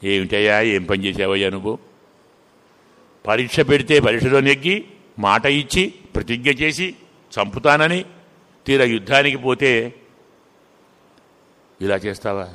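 A man's voice: mid-range voice, lively intonation, measured pace, pauses often, sharp tone. A man voicing an angry male monkey king who complains reproachfully in a storytelling sermon. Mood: indignant. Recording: reverberant hall.

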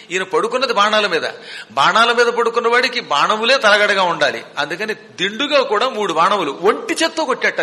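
A man's voice: sits high, pushed and bright. A man giving a storytelling religious discourse, dramatic in delivery, asking rhetorical questions and now and then chanting verses. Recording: long reverberant hall.

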